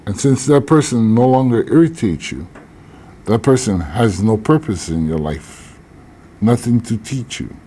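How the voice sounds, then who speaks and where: An older man from Hawaii, an elder teaching about tradition in a slow, measured way with deliberate pauses. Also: lowish voice, expressive, dark tone, slight background noise.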